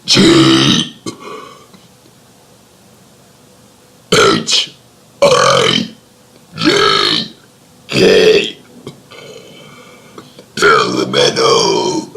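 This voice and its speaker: A man burping letters of the alphabet one by one in gravelly, croaking belches, as a stunt for a video. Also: rumbling low, expressive, extremely slow, pauses often, bright, forceful tone, pitched below the performer's own voice, exaggerated voice. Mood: forced, belching.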